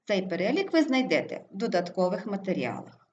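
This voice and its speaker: Woman teacher with a lively, roomy voice. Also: mid-range voice, a little fast, a little hiss or hum. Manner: careful, stress-marking pronunciation of example words. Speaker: language teacher. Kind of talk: scripted lesson narration. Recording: roomy, slightly dull sound.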